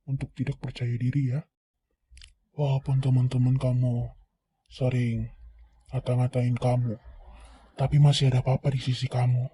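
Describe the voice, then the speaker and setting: Brief: man as a remorseful dad, soft and husky, gentle soothing delivery. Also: medium pitch. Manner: gentle, soothing, drops to whispers. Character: loving, remorseful father of a young daughter. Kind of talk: fan voice drama.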